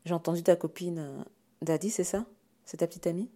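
A man's voice: fairly high pitch, steady tone, brisk, mellow, pitched above the performer's own voice, close to an everyday voice. A man voicing an awkward young man who speaks hesitantly and apologetically. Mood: nervous. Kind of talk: audiobook character voice.

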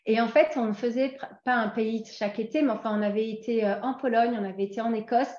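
A woman's voice: fairly high pitch, steady tone, fast, darkish tone. Woman, forties, from France, interview guest, hesitant with many fillers, echoey room, muffled lo-fi sound. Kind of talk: casual interview chat. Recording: roomy, dull lo-fi sound.

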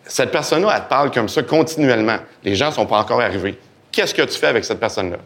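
Animated Québécois man, joking storyteller. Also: medium pitch, fast. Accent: Québécois French. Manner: animated, joking, acts out inner voices. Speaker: guest speaker. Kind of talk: live podcast talk to an audience. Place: event hall with live audience.

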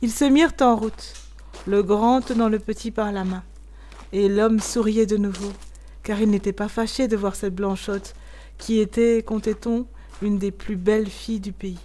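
A woman narrating a classic tale in a measured, expressive storytelling voice. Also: mid-range voice, a little hiss or hum. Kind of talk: audiobook reading of a classic tale.

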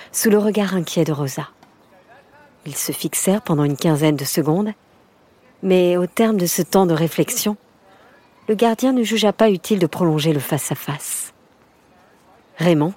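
A woman reading a children's storybook aloud in a measured, expressive way. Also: fairly low pitch. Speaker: narrator. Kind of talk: storybook narration.

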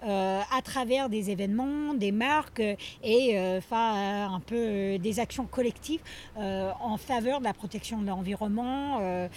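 A woman's voice: mid-range voice, moderate pace, a little mellow, slight background noise. A woman guest in a casual interview, talking hesitantly with many fillers. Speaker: guest athlete.

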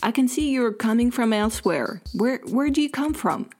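A man's voice: extremely high pitch, animated, moderate pace, voice pushed up, full character voice. A woman reading aloud and voicing a friendly, curious Canadian male neighbor in a raised, chatty voice.

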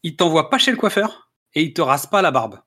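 A man co-hosting a casual film review podcast, sarcastic and quick with jokes, laughing often. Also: on the high side, very animated, fairly bright tone, breathy edge. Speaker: podcast co-host.

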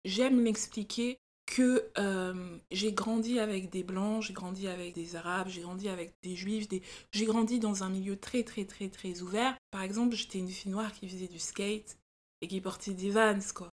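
A woman's voice: mid-range voice, fairly even intonation, normal speed. Reflective woman guest, conversational. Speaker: guest, magazine founder. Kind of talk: casual interview talk.

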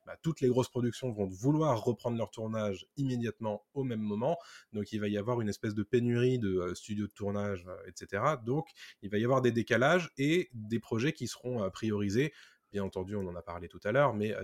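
A man's voice: on the low side, darkish tone, no room sound, studio quality. A man hosting a casual pop-culture news podcast, talking with many hesitant fillers. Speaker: podcast host.

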